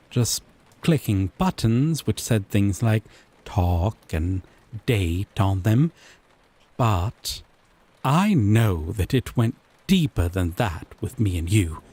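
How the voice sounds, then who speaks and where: In an intimate roleplay monologue, a man voices a gentle yet obsessive, possessive dating-sim character with soft, breathy delivery and lingering pauses. His voice is fairly low, animated and heavily acted, with a wistful, knowing mood.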